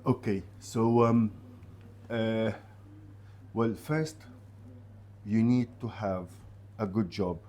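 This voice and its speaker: A man from a university, Arabic being his first language, chats with students in an interview, giving advice haltingly and driving points home by repeating short phrases. His voice is lowish and darkish, with fairly even intonation.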